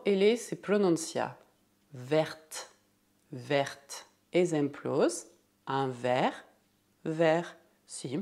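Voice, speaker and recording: A woman teaching French in a lesson, saying each word twice and slowly drilling repeat-after-me examples. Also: low-pitched, a little mellow.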